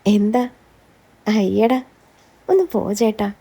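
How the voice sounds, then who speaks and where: A woman's voice: medium pitch, big pitch swings, slow, gravelly, dark tone, full character voice. Woman reading as a coy teasing young woman. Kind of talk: scripted story reading.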